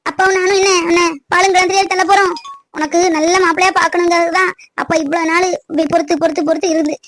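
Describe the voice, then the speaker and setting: ஒரு பெண் நடிக்கும் கவலையான கிராமத்து அம்மா. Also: female voice, extremely high pitch, fairly even intonation, fast talker, a bit bright, no echo, studio quality. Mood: tearful pleading. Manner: pleading, anxious, tearful. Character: worried, tearful village mother, middle-aged. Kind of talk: cartoon voice acting.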